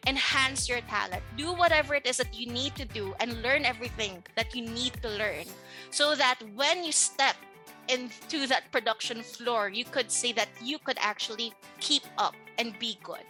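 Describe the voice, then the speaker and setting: Woman acting coach, Filipino accent, firm and motherly, bright higher voice, faint music. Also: normal speed. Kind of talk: advice to aspiring actors.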